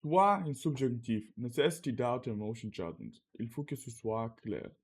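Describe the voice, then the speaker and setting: A man with a Russian accent in French, practising the language by repeating example sentences in a halting way. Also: mid-range voice, expressive, slightly rough. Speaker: French learner practising with a partner.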